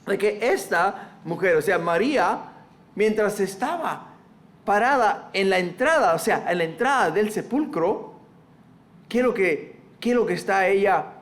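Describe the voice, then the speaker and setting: High-voiced man preaching slowly. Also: lively intonation, a bit bright. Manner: repeats rhetorical questions to the congregation; addresses listeners as brothers and sisters. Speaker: pastor. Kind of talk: sermon.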